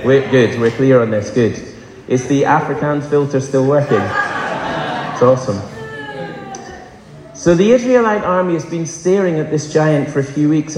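Addressing a congregation in a large, echoey church hall with long reverb, a man preaches with fervor and regularly asks rhetorical questions of the room. His voice sits in the mid-range and is a little mellow, with slight background noise.

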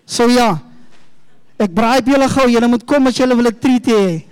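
A woman's voice: fairly high pitch, moderate pace, a little mellow, smooth. South african woman w afrikaans accent doing kids church talk, coaxing, asks loads of questions, flips between english and afrikaans. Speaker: children's church leader. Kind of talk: interactive children's sermon.

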